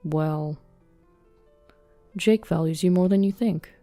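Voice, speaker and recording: A woman reading the lines of a kind older fisherman who speaks gently and encouragingly. The tone is low and mellow, in a close, dry voice with faint music behind. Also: slow, no room sound. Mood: gentle. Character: kind older man, a fisherman and old friend. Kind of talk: storybook reading.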